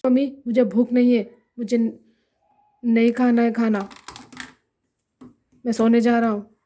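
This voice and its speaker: A woman voicing a hurt, sulking young married man in a doll-play drama, speaking low and clipped. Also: flat delivery, a little slow, creaky, a little mellow. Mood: sulky.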